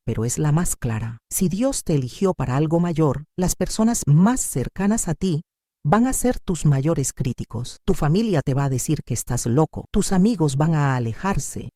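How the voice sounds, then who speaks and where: Woman, devotional narrator, dramatic emphatic delivery, lively swooping pitch, mellow dark tone. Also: no echo, studio quality.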